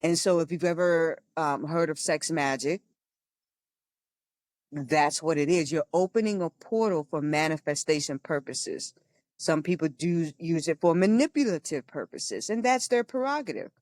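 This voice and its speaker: A woman's voice: low voice, expressive, normal speed, a little mellow, dry recording. Frank, earnest woman with a dry, close sound. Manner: frank and profane, laughing often; earnest, teaching tone. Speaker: podcast co-host. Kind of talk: casual spiritual talk.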